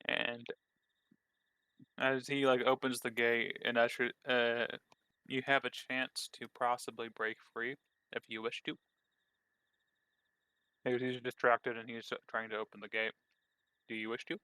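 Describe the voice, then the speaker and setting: A man's voice: medium pitch, level tone, unhurried, long pauses, pushed and bright, clear, resonant tone, no room sound. A man narrating as game master of a tabletop game, hesitant, with many fillers and restarts.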